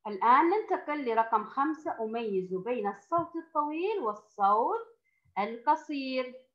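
A woman teaching first graders, who speaks slowly and patiently, stretches out the sounds she teaches and praises the class often. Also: high-pitched, big pitch swings, fairly bright tone, muffled recording. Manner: slow, patient, drawn-out sounds with frequent praise. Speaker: primary school teacher. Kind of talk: recorded classroom lesson for young children.

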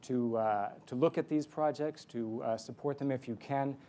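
Guy giving a keynote, dark mellow voice, wry storytelling at a podium. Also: mid-range voice, moderate pace. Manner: self-deprecating storytelling at a lectern. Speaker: keynote speaker. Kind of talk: conference keynote speech. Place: large conference hall stage. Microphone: lectern microphone.

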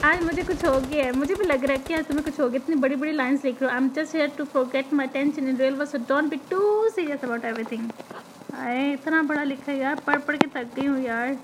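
A young woman from Pakistan, a game streamer with a hoarse throat, chatting and teasing viewers as she reads their comments during a live stream. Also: sits high, moderate pace, noisy background. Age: young adult. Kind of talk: live-stream chat while gaming. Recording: loud gunfire from the game behind.

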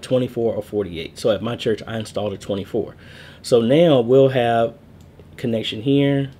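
A man's mid-range voice with a dark tone guides viewers through a church network in a relaxed screen-share tutorial. In his thirties, he explains each step with fillers and minor corrections, speaking into a webcam indoors.

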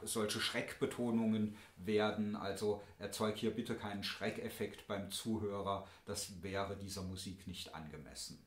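A man teaching a piano lesson, calm and deliberate, speaking straight to the viewer as he explains. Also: medium pitch. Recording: roomy sound with piano.

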